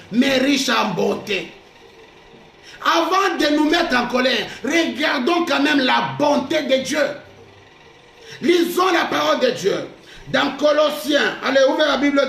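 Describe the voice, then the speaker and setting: A male pastor preaching a sermon, shouting his points and repeating them, in an echoey hall with faint music behind him. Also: very high-pitched, vocal fry. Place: church hall.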